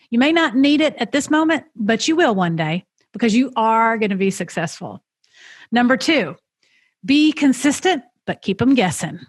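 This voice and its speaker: A woman's voice: a little high, dry recording. A woman hosting a podcast interview, talking emotionally and repeating herself, then speaking straight to her listeners. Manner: emotional, warm-spoken, repeats herself when moved. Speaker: podcast host. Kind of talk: conversational interview and direct-to-listener wrap-up.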